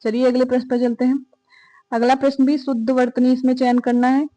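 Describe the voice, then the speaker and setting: A woman's voice: high-pitched, level tone, fairly quick, warm tone, no echo. A woman teaching an exam prep lesson, repeating each answer and quizzing her listeners aloud. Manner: repetitive, drilling questions and answers aloud.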